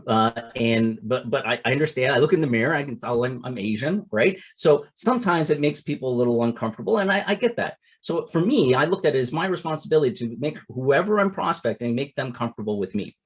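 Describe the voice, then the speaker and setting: Teaching a seminar at a quick pace with few pauses, a middle-aged investment coach from Canada speaks expressively in a husky, breathy, mid-pitched voice. His loose, conversational style features repeated words, restarts, and frequent "right?" check-ins.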